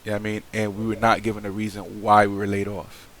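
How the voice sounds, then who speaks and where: A young man with a somewhat low voice speaks straight to his viewers in an unscripted vlog. His talk is loose and slangy, full of fillers and restarts. He sounds frank and aggrieved as he airs his complaint. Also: monotone, fast talker, a bit bright. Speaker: vlogger. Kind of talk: casual vlog monologue.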